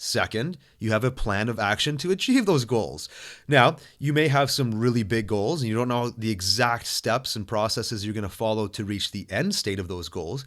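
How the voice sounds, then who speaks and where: A man's voice: fairly low pitch, animated, normal speed, fairly bright tone. A man speaking as a self-improvement coach, addressing the listener directly in an earnest, motivational way, with occasional fillers and restarts. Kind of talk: coaching program talk.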